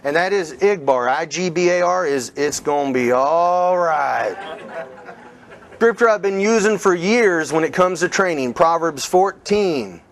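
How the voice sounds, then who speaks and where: A middle-aged man leading a live real estate seminar, energetic and coaching the room with questions to the audience. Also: high voice, moderate pace, hardly any pauses.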